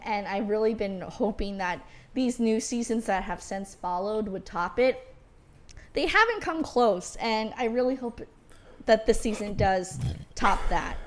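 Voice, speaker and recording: A woman's voice: mid-range voice, measured pace. A young woman co-hosting a podcast in casual chat, opinionated and teasing, often breaking into laughter. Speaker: podcast co-host.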